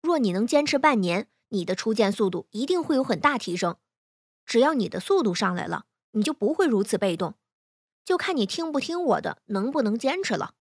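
A woman voicing a playful, easygoing young male swordsman who coaches briskly with teasing encouragement. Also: a little high, very animated, no room sound, clean studio sound. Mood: instructive.

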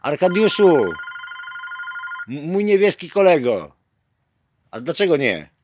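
A man's voice: a little high, lively intonation, noisy background. A man filming himself while mockingly bantering with a police officer outside a station at night, teasing and theatrical, calling out names. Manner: teasing, theatrical, calls out names in drawn-out shouts. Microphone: handheld camera.

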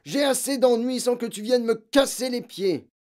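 Narrator shouting as a furious bullying father. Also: very high-pitched, moderate pace, pitched above the performer's own voice. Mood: shouting angrily. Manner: shouting, barking orders. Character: angry bullying father, adult man. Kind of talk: audiobook character voice.

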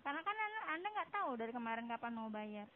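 A woman's voice: a little high, sing-song, fast. A woman working as a debt collector, insistently pressing a debtor on a phone call. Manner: insistent, repeating demands. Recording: tinny phone line.

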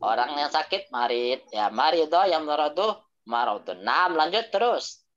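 A male teacher leads an online Arabic class, speaking slowly and deliberately. He drills word forms and echoes each student's answer back with corrections. The video call audio is dull and lo-fi. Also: on the high side, sing-song, a bit bright. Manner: mixes Arabic phrases into Indonesian explanations.

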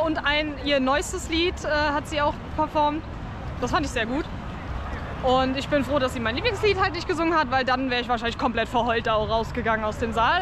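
A woman's voice: high-pitched, background noise. A young woman chatting on camera outdoors, gushing and rambling with lots of fillers. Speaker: friend of the vlogger. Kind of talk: casual chat on camera.

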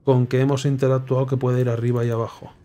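A young man playing a puzzle game and thinking aloud, muttering clues to himself with sudden excited outbursts. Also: medium pitch, quick pace. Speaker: gameplay streamer. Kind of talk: casual puzzle game commentary.

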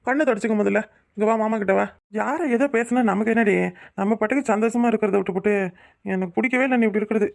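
Man voicing a young husband, cartoon, reassuring, gravelly voice, fast. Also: high voice. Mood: tender. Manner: soothing, reassuring. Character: young poor husband, tender toward his wife. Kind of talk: cartoon voice acting.

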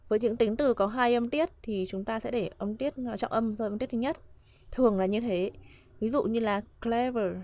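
A woman gives a video lesson in a patient, repeating way, pausing to ask if students follow. Her voice sits a little high. It is recorded close and dry, with no room sound. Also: no echo. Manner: patient, repetitive, checks understanding. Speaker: English teacher. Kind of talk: classroom-style video lesson.

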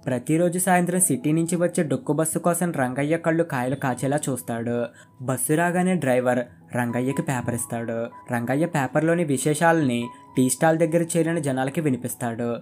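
Brief: a male narrator, measured storybook reading at a middle pitch, faint guitar in the background. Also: a little mellow. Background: faint guitar music.

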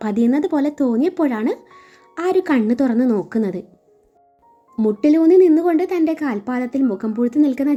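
A woman storyteller reading a romance story aloud in a soft, even narrating voice. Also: fairly high pitch. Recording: slightly dull audio, faint music.

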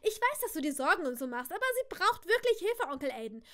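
A shrill, scornful teenage girl speaks in a high, loud, snide voice, as a woman reading a book aloud puts her on. She sounds like a sulky, judgemental cousin in an audiobook scene. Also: lively intonation, brisk. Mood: snippy.

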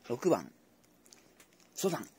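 A man's voice: medium pitch, huge pitch swings, takes it slowly, a little mellow, husky. Playful man coaxing his dogs. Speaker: vlogger predicting a horse race with his dogs. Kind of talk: casual chat to pets.

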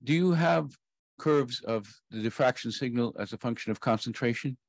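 A man's voice: medium pitch, normal speed, vocal fry, no echo. A man in the audience at a scientific conference asking a technical question.

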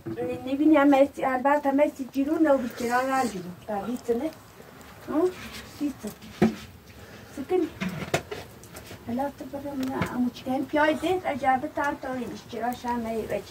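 A woman in casual back-and-forth chat while doing chores in a rural home. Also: high-pitched. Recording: distant mic with clear background noise.

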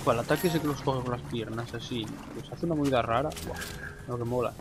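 A young man from Spain with a Spanish accent, casually commentating his gameplay, swearing often and breaking into excited exclamations. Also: medium pitch, fast talker, low-quality recording. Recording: game music behind voice.

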